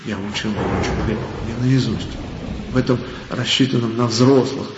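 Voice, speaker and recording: A man playing an army lieutenant, recounting his war story in measured, expressive first-person narration. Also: lowish voice, natural voice. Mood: measured, serious. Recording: dull echoey hall, faint ambient noise.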